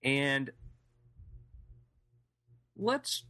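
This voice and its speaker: Man, podcast co-host, playful storyteller, bright tone, dry close sound. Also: mid-range voice, sing-song, extremely slow, clear, resonant tone, dry recording. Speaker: podcast co-host running a mystery game. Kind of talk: improvised comedy banter.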